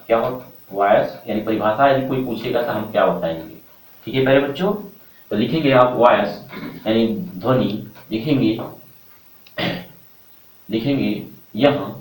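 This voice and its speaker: A man teaching a class, who keeps asking the students questions and repeating the answers back to them. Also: mid-range voice. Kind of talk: classroom lecture. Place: classroom with a board. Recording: roomy, from far off.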